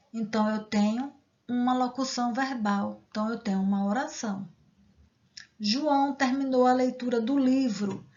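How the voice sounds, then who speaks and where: A woman's voice: on the high side, muffled recording. A woman teacher explaining grammar step by step, reading example sentences and checking in with the class. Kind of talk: grammar lesson.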